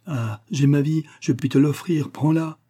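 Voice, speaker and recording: A man's voice: on the high side, measured pace, dark tone, pitched above the performer's own voice. A man voicing a young woman in love, reading her lines with impassioned, breathless devotion in an audiobook. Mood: ardent.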